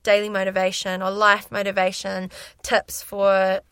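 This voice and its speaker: A woman's voice: medium pitch, completely flat delivery, unhurried, a bit bright, clear, resonant tone, no echo. A young woman speaking candidly and chattily as a guest in a casual interview. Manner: candid, talkative. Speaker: fitness influencer, interview guest.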